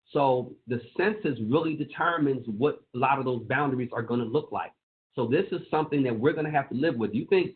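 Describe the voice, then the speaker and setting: A man who is a pastor and state legislator, giving an earnest presentation to pastors on a conference call and repeating phrases for emphasis. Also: medium pitch. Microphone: phone or call line. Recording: tinny phone-line call audio.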